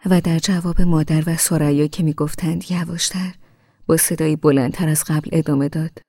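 A woman reads a first-person story in a hushed voice that almost drops to a whisper. Her tone is husky and breathy. The recording is dry and close to the mic. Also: low-pitched, fairly even intonation, dry recording. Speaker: audiobook narrator.

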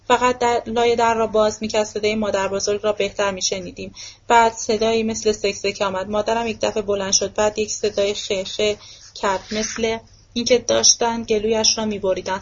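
Woman reading a novel in a flat tone. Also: medium pitch. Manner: steady, even reading with a flat, level delivery. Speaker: audiobook reader. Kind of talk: scripted narration of a novel. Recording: dull, muffled lo-fi recording.

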